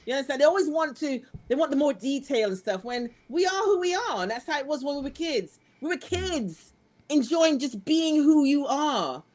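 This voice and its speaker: A woman's voice: sits high, animated, normal speed, darkish tone. A middle-aged woman from England with a London accent, speaking as a guest in a frank conversational interview, telling her story earnestly and with animation, often restarting her sentences. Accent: London English.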